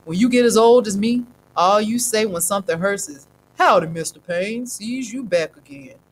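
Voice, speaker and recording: A woman voicing an old homeless man who speaks in a slow, folksy, wry way. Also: medium pitch, slight background noise, voice pushed up, lightly acted, poor audio.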